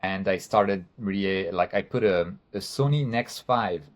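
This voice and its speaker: A man's voice: sits low, unhurried. A man from France with a French accent, a guest in a casual interview, often repeating words as he thinks.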